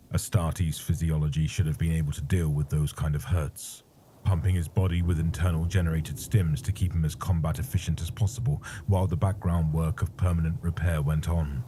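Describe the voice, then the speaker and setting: A man narrating a story in a measured, grave manner. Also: a bass voice, warm tone, a little hiss or hum. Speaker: audiobook narrator. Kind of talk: scripted narration.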